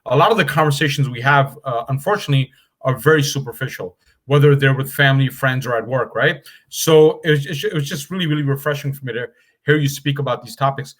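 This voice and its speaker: A man hosting an online session, asking questions in a halting way with many fillers. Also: mid-range voice, a bit bright. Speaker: event host.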